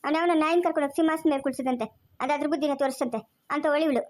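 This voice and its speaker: A woman's voice: high-pitched, steady tone, very fast, a little mellow, lightly acted. A woman playing a harsh older mother-in-law in a family drama skit, scolding with contempt. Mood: scornful.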